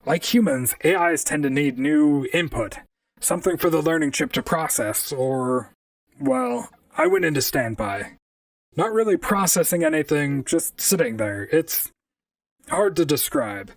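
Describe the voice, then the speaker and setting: A wry, talkative robot private detective in a radio-style audio drama narrates in dry, conversational first-person noir, sounding unflappable. His gravelly, creaky voice swoops wildly in pitch at a measured pace, with full character acting. He's recorded dry and sits well back from the mic, and the mood is dry narration.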